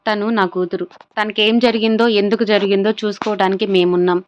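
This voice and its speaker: A woman reading a story aloud, voicing a furious young man who shouts insults at a rival. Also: medium pitch, steady tone, a little fast, muffled recording, natural voice. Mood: angry.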